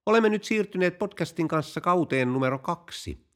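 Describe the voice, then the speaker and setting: Animated male joke-telling podcaster. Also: high voice. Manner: playful, animated storytelling. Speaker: podcast host. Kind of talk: telling jokes.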